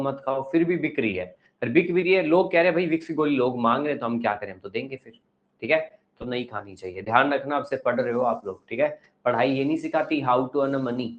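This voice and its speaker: A man's voice: medium pitch, muffled recording. A male teacher lecturing a class, asking the pupils questions and giving advice.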